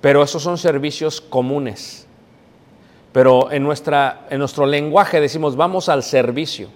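A man's voice: a little high, unhurried. A man preaching a teaching sermon, explaining step by step with frequent fillers. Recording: echoey hall with long reverb.

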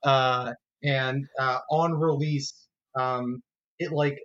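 A man narrating a tabletop game as game master, animated and laughing as he describes the scene. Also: mid-range voice, dull audio. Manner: animated, laughing, doing quick voices for crowd figures.

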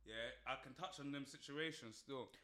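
A man's voice: medium pitch, moderate pace, bright, forceful tone. A man with a London roadman accent, full of street slang, bantering and telling stories emphatically. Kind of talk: casual banter and storytelling.

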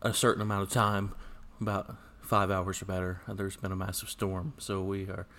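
A man's voice: sits low, little pitch movement, moderate pace, fairly bright tone. A man co-hosting a podcast in casual conversation, recorded in an echoey church sanctuary. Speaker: podcast co-host. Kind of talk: casual chat.

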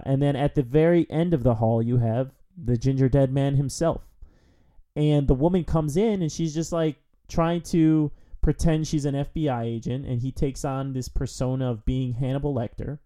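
A man's voice: mid-range voice, dark tone. A man hosting a film review podcast, recapping a plot in a rambling, wry, casual way. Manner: rambling, wry, with frequent fillers.

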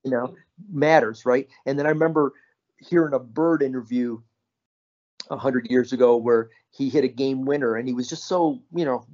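A man co-hosting a casual podcast, telling relaxed stories with lots of "you know" and "right?". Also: medium pitch, normal speed, dull audio. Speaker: podcast co-host.

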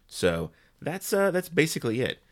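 A man's voice: a little high, big pitch swings, normal speed. A young man hosting a podcast, giving an easygoing plot recap in casual chat and saying "like" a lot. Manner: easygoing, explains plots, uses "like" often. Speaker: podcast host.

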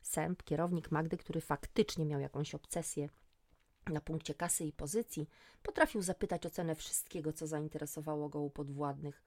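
A woman's voice: sits low, steady tone, normal speed, a little mellow, no room sound. A woman reading a first-person story aloud in a wry, conversational way. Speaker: audiobook narrator. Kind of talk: first-person audiobook narration.

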